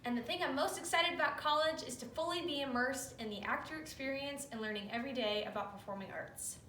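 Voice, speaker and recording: Woman, 18, from Kansas; eager, high and bright, echoey room. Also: quick pace, a little hiss or hum. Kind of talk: self-introduction.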